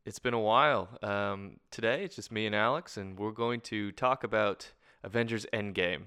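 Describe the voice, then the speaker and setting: Bright-voiced Canadian man hosting a podcast. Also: fairly low pitch, smooth. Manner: enthusiastic, quick to laugh. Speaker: podcast host. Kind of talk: casual podcast chat.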